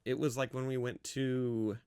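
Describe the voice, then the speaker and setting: A man's voice: mid-range voice, little pitch movement, normal speed, a little mellow, smooth, dry recording, clean studio sound. A man in his twenties co-hosting a podcast, telling rambling stories with laughs and fillers. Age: 20s. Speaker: podcast co-host. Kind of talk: casual chat.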